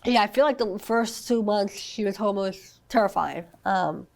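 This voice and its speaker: A woman's voice: medium pitch, fairly even intonation, moderate pace, darkish tone. Earnest young mother, filler-heavy talk. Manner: earnest, many fillers like "I mean" and "you know". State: recovering from illness, occasional cough. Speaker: guest, mother of a child with a rare condition. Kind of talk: podcast interview.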